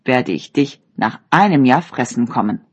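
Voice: medium pitch, lively intonation, moderate pace, slightly rough, muffled recording. A storyteller voicing an angry, threatening wild wolf in a read-aloud fairy tale.

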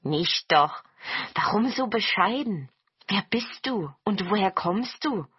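A woman voicing a crowd of eager, flattering horned goblins in a storybook reading, with a high, loud, coaxing manner. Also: slow, breathy edge, dry recording, muffled recording, full character voice.

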